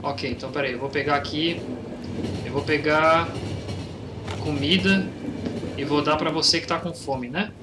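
A young Brazilian gameplay YouTuber does casual, slangy let's-play commentary in a Brazilian Portuguese accent, reading the game's dialogue aloud and getting excitable, even shouting, during fights. His voice sits a little high, moving at a moderate pace with long pauses. Game noise runs behind him, with train and game sounds in the background.

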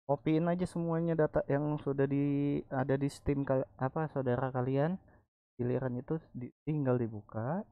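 A man's voice: medium pitch, fairly even intonation, normal speed, dry recording. A man with a colloquial Jakarta Indonesian accent who can't roll his r's, chatting casually through a screen-recorded tutorial. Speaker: tutorial presenter. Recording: dull, lo-fi microphone.

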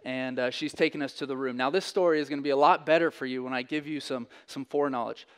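Storytelling young pastor in reverberant church. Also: male voice, mid-range voice, steady tone, fast talker, clear, resonant tone. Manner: candid, self-deprecating storytelling. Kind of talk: sermon with personal story. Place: church sanctuary. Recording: long church hall reverb.

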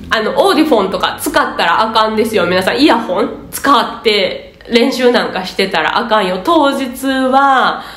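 A woman's voice: mid-range voice, roomy sound. A woman with a Kansai Japanese accent, a Spanish teacher giving a chatty, emphatic lesson, laughing often. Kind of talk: casual teaching talk.

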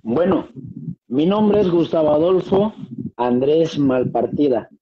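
A man's voice: fairly high pitch, lively intonation, slow pace, breathy edge. A young man with a Peruvian accent answering interview questions over a webcam from a small room at home, polite and hesitant. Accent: Peruvian Spanish. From Peru. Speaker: guest singer. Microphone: video call, webcam. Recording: dull, dry video-call sound.

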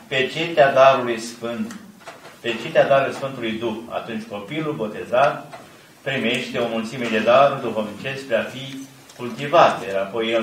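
An older priest reading a sermon from a lectern in measured, solemn phrases, with pauses between them. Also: male voice, medium pitch, a bit bright. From Romania. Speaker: archimandrite preaching. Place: large ornate church, indoors. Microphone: camera at a distance. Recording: echoey church heard from a distance.

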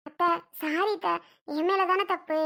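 A woman plays a young wife caught out over a spoiled soup, her voice piercingly high and sharp. She pleads and snaps back. Her tone is bright and pressed, the voice of a comedy skit. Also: steady tone, normal speed, gravelly, full character voice. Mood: pleading, defensive. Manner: pleading, then snapping back. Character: flustered young wife defending her cooking.

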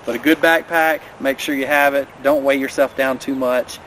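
By a river in a mountain valley, a male vlogger in his thirties casually walks through hiking gear, recommending items in a friendly, practical way. He speaks at a moderate pace in a steady, mid-range voice with a fairly bright tone. A camera a few steps off captures low-quality outdoor audio with clear background noise.

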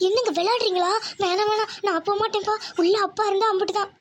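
A woman's voice: very high voice, fairly even intonation, fast talker. A woman voicing a frightened young village wife in a cartoon. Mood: pleading. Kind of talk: cartoon voice acting.

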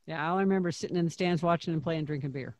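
A woman's voice: sits low, racing, no echo. Blunt, joking woman podcast co-host. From Phoenix area, Arizona. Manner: joking, blunt, swears freely. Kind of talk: casual chat.

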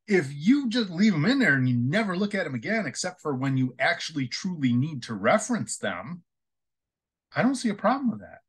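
Lively chatty man telling a story. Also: fairly high pitch, brisk, slightly rough. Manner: chatty storyteller, acts out both sides of a conversation. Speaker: email management trainer. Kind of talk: casual talking-head video.

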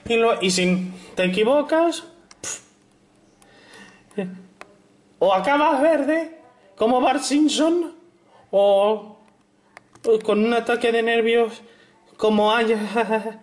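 A young man narrating a puzzle video game, playful and jokey, humming nonsense syllables between remarks. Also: high-pitched. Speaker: gameplay narrator. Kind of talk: narrated let's play commentary.

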